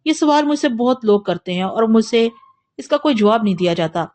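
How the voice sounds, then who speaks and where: A woman reads the lines of a withdrawn young man in an audio novel, tired and deflecting. The voice stays subdued and a little high. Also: expressive, darkish tone, lightly acted. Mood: weary. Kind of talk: audiobook reading.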